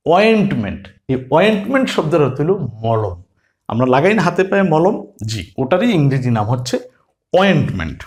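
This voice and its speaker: A man teaching beginners to spell words, spelling them letter by letter and answering his own questions. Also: on the high side. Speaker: English teacher.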